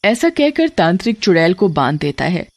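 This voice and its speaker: A storyteller narrates a spooky cartoon tale. The delivery is steady and plain, at a middle pitch. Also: moderate pace, no room sound.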